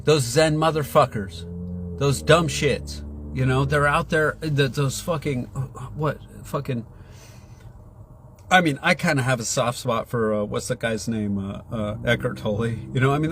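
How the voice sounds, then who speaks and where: A man's voice: on the high side, a bit bright, a little hiss or hum. A man delivering an agitated, profane monologue to his viewers, repeating himself and constantly asking if they know what he means. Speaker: vlogger.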